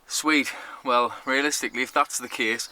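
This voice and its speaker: In a low-quality recording, a Sunderland man with a moderate Mackem accent talks casually through his DIY work for a camper van vlog. His mid-range voice has a sharp tone, fairly even intonation and a moderate pace, and his manner is blunt, colloquial and full of swearing.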